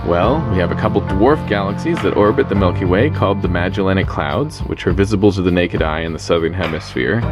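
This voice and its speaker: A man hosting a podcast, reading a measured, explanatory scripted intro. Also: fairly low pitch. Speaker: podcast host. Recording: guitar music playing behind.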